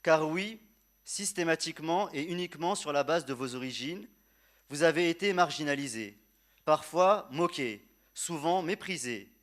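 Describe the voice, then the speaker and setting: Higher-voiced man giving a solemn, grieving eulogy. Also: lively intonation, fairly bright tone. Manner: solemn, measured, tender oratory with rhetorical repetition. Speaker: eulogist at a church funeral. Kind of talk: prepared funeral eulogy addressed to the deceased.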